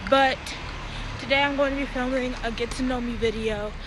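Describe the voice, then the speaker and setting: A teenage girl films a casual intro while walking home outdoors. Her voice sits somewhat high for a girl, and traffic and street noise are clearly heard behind her. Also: fairly even intonation, moderate pace. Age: teens, fifteen. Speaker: vlogger.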